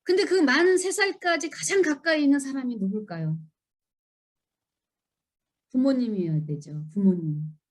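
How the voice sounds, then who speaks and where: Middle-aged woman lecturer, high voice, very animated, emphatic and questioning. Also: moderate pace, pauses often. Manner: lively, emphatic, asks the audience questions; acts out children and parents in high voices. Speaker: seminar lecturer. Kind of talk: church seminar lecture.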